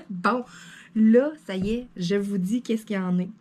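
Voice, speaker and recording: A woman with a Québécois French accent vlogs from her desk at home, chatty and teasing, full of fillers and easy laughter. Her voice is warm and mellow, in an ordinary middle register. A faint hum sits behind the talk. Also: mid-range voice, unhurried. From Quebec. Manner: chatty, playful, rambling with many fillers; often laughs and talks to her cat. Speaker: crafting vlogger. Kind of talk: casual chat to camera.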